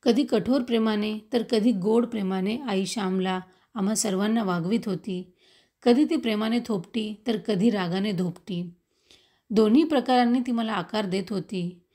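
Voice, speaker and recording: A woman reading a classic novel aloud in steady, measured storytelling narration. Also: medium pitch. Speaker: audiobook reader.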